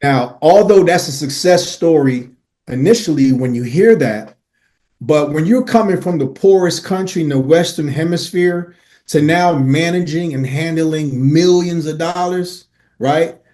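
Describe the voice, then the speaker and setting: A man's voice: fairly high pitch, unhurried, mellow. A man in his forties from Miami, a podcast guest telling his life story earnestly, with casual slang and many "uh"s and "right?"s. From Miami, Florida. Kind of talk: storytelling in an interview.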